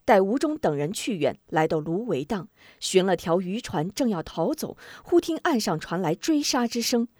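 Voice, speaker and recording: A woman narrating a martial-arts story in a dramatic storytelling style, voicing the shouting characters herself. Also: medium pitch, normal speed, few pauses, dry recording, studio quality. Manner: lively, acts out shouting characters.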